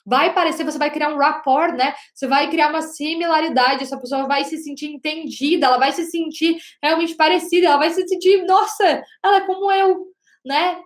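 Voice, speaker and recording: A woman teaching an online lesson on body language as a communication coach, talking loudly and emphatically and often checking in with the audience. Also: sits high. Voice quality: loud, projecting voice. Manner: emphatic, with frequent "né?" and "gente". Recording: roomy echo.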